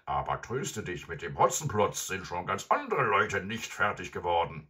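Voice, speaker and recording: A man voicing a blustering, gruff male robber who talks loudly and mockingly in a storybook reading. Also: very animated, normal speed, heavily acted. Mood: booming, mocking. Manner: booming, taunting.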